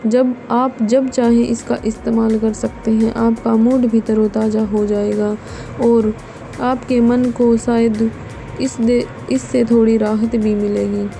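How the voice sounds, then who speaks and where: A woman voicing a frank, caring young woman of twenty-one in a storybook reading, in a calm, flat delivery. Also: fairly high pitch, slow, gravelly, soft background music. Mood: coaxing.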